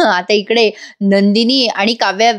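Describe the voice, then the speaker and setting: A woman reviewing a TV serial, giving a lively, chatty recap of the episode and laughing as she retells it. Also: mid-range voice, slow pace.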